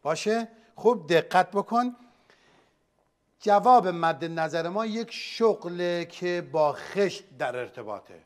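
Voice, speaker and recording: A man's voice: sits high, expressive. A man playing an exasperated quiz host in a comedy sketch, scolding contestants.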